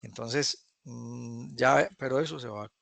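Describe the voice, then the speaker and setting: A man teaching English in an online class, patiently repeating phrases slowly for students to drill. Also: mid-range voice, fairly even intonation, gravelly, a bit bright, no echo. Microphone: video call.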